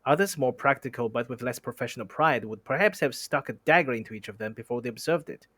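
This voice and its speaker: A man's voice: mid-range voice, fast, a bit bright, husky, dry recording. Man reading a novel aloud, dry sound. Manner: reads steadily, stumbles on words and stops to comment. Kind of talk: reading a book aloud with asides.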